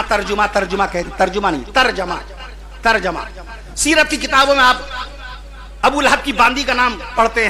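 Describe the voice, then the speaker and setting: A man preaching at a religious gathering. He builds long, repeated lists that swell into shouts, then stops to spell out the correct pronunciation of names. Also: very high-pitched. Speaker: Islamic preacher. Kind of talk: impassioned sermon at a religious gathering.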